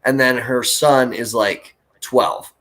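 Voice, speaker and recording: A man's voice: mid-range voice, slow pace. A man who works at a theme park, chatting on a video call, telling stories with lots of laughing and swearing. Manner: laughing, swearing, animated storyteller. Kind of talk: casual video-call chat.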